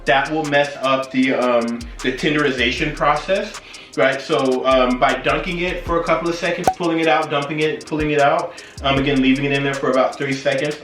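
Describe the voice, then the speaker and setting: A man's voice: mid-range voice, fairly even intonation, a little fast. A man chatting casually as host of a cooking video, tipsy and rambling, often losing his train of thought. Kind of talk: casual cooking vlog chat. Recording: roomy echo, distant mic, faint music.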